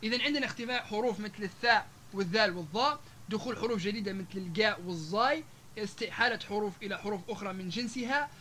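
A man with a Libyan Arabic accent lectures a live audience at a rapid clip in a high, bright voice. He strings example words together one after another, broken by drawn-out "aah" fillers, with faint room noise behind him.

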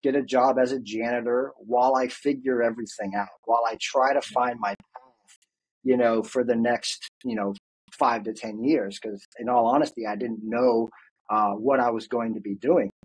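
A man's voice: mid-range voice, fairly even intonation, normal speed, a little mellow, breathy edge, low-quality recording. A man in his thirties, a fitness coach, telling his life story earnestly over a video call with headphones. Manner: earnest, reflective storytelling with frequent fillers. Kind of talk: casual interview. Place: home office, indoors.

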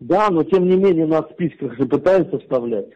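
A man's voice: on the high side, animated, a little fast. Man on a muffled phone recording. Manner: agreeing often, talking through worries. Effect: recorded phone call. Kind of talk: private phone conversation.

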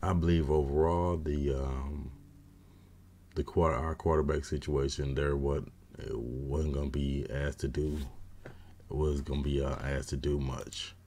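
A man's voice: very deep voice, little pitch movement, measured pace. A man in his thirties giving casual, opinionated postgame football commentary from a small room at home on a webcam, with lots of slang and fillers. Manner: opinionated, gets loud and exasperated when ranting. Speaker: sports fan commentator.

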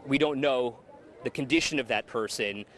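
A man in his thirties, a field TV news reporter, gives a halting, improvised eyewitness account outdoors into a handheld microphone. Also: mid-range voice, a bit bright. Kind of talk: live eyewitness account from the scene. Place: outdoors on a street.

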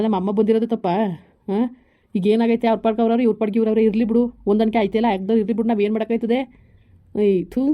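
A woman's voice: mid-range voice, natural voice. A woman playing a harried husband caught between his wife and his mother, talking in an exasperated, scolding way in a village comedy skit. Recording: slightly dull lo-fi recording.

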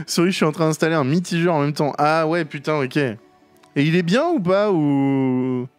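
A man's voice: on the high side, moderate pace, clear, resonant tone, faint music behind. A man streaming a game live, chatting casually with playful jokes. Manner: joking, playful. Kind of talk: casual live gaming commentary.

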